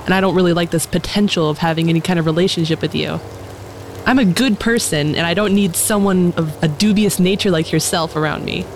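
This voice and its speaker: A woman's voice: fairly low pitch, fairly quick, lightly acted. A woman playing a good-hearted, defiant female adventurer in a tabletop game, speaking in an earnest, questioning and emphatic way. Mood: defiant, indignant. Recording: faint rain noise behind.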